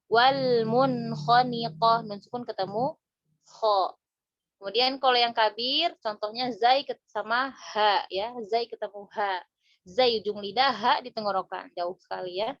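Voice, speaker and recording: A woman's voice: on the high side, a bit bright, no echo. Chatty woman teaching tajwid, lo-fi. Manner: chatty, self-correcting, slow drawn-out recited examples. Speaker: Quran recitation teacher. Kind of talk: casual tajwid lesson. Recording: dull lo-fi dry recording.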